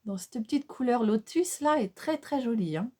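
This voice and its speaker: A beauty vlogger with a somewhat high voice talks at a moderate pace, speaking straight to her viewers in a casual makeup tutorial. She's chatty and hesitant, full of fillers, and exclaims excitedly over the colors.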